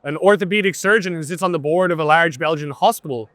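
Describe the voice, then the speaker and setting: A man speaking as a startup founder in a conversational interview, animated and telling stories in which he quotes his own dialogue. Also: fairly high pitch, quick pace, no room sound.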